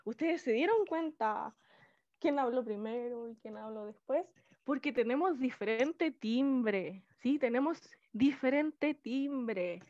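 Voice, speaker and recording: A Chilean woman teaching over a video call, her voice high and shrill. She talks slowly and keeps checking in with her class. The audio is dry and a little muffled. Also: no room sound. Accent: Chilean Spanish. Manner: lively, checks in often with the class. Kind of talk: online class lecture.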